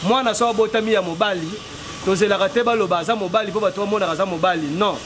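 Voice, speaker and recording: Man in his forties, high-pitched, emphatic rhetorical delivery, noisy outdoor street recording. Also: racing, a bit bright. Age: 40s. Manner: earnest, rhetorical, builds to emphatic declarations. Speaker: interviewee. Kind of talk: street interview, mixing French and Lingala. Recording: noisy street with passing traffic.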